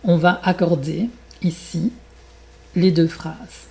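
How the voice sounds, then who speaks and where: Teaching French through a fairy tale he reads aloud, this man with a French accent then moves slowly and deliberately through exercises with learners. He sounds on the high side, creaky, and warm.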